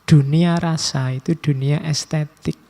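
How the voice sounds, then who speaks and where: A middle-aged man giving a philosophy lecture, measured and slowing down to stress key terms, with casual asides. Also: on the high side, steady tone, warm tone, soft background music.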